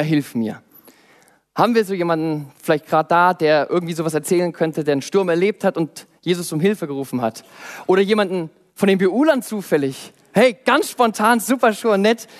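A young man preaching a sermon with a fairly high voice. He builds drama with rhetorical questions, rising loud and then dropping soft and low. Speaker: youth preacher.

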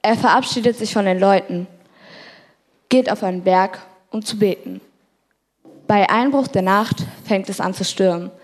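A woman's voice: medium pitch, moderate pace, pauses often. Woman reading a Bible story aloud. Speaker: scripture reader.

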